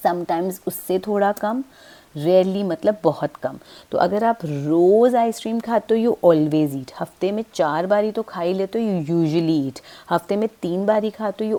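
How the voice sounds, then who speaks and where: A woman with an Indian English accent teaching English grammar step by step, slowing down on example sentences. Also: fairly low pitch, warm tone. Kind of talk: classroom-style grammar lesson.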